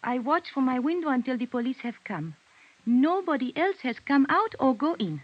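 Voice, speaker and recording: A woman's voice: high voice, animated, normal speed, dry recording. An actress with a French accent playing a nervous young woman witness who speaks in careful, broken English, in a 1950s radio drama. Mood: earnest. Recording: muffled old radio broadcast.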